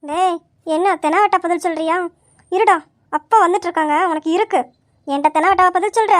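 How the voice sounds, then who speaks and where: A woman's voice: extremely high pitch, brisk. A woman playing a bossy, fiery young woman who scolds her younger cousin in a comedy sketch. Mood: threatening.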